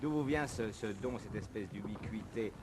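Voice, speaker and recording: A man's voice: on the low side, normal speed. A man presenting and interviewing in a wry, teasing, polished broadcast manner. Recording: 1950s broadcast recording with clear hiss.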